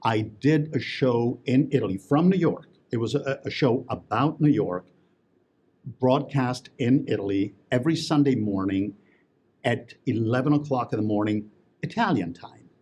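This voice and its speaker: Guesting in a casual interview conversation, a man chats through stories with frequent fillers and restarts. He speaks at normal speed in a mid-range, slightly mellow voice, and there's a little hiss or hum.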